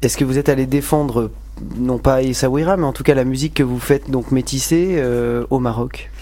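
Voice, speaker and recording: A man interviewing a musician on the radio, asking measured, searching questions with fillers. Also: medium pitch, steady tone, dark tone.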